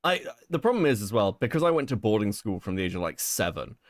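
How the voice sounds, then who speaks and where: Low-voiced posh English man, received pronunciation. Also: very animated, fast talker, dry recording. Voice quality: posh boarding-school diction, toned down. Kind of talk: casual chat.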